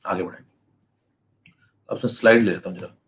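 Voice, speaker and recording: A young male chemistry teacher giving an online class lecture, brisk and teasing, now and then mimicking slow students. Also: sits low, fairly even intonation, a bit bright. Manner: brisk, teasing, acts out lazy students in asides.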